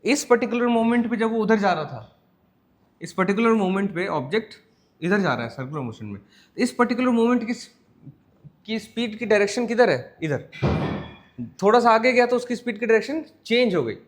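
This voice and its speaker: A man's voice: high voice, expressive. A man with an Indian accent teaching physics, mixing Hindi and English, checking in with his students and dictating notes word by word. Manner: mixes Hindi and English, asks students frequent check questions; slow, word-by-word dictation while writing. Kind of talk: classroom lecture.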